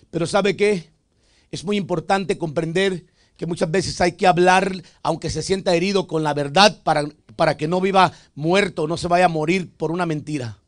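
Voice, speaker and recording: High-voiced male pastor preaching loudly. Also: no echo, clean studio sound. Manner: swings from loud preaching to quiet joking asides; calls out "hermano" to the congregation. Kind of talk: Spanish sermon. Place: church sanctuary.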